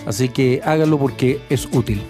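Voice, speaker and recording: A man's voice: medium pitch, moderate pace, warm tone, soft background music. A man with a Chilean accent, a guest on a radio panel, arguing earnestly and piling up lists of points. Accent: Chilean Spanish. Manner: earnest, argumentative, piles up lists.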